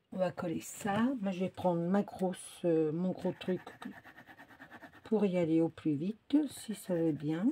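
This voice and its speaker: This French crafting host films a casual card-making tutorial at home, talking to herself as she works and rambling with frequent fillers and restarts. Her voice is lowish, dark, and slightly rough, captured by a phone or camera pointed at her work table.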